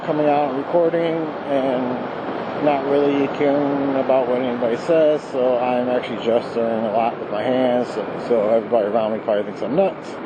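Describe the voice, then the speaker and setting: A man's voice: mid-range voice, steady tone, a little fast, highs cut off. Man vlogging from inside a helmet, very noisy. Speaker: motorcycle vlogger. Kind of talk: casual rambling talk to viewers. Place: riding a motorcycle outdoors, inside a helmet. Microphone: wired mic in helmet to voice recorder. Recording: inside a helmet, loud wind and engine noise.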